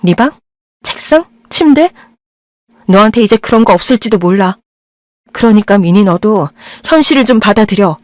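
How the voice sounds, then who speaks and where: A woman playing a harsh, irritable middle-aged mother in an audio drama, snapping in sharp scolding tones. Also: medium pitch, brisk, no echo, studio quality, close to an everyday voice.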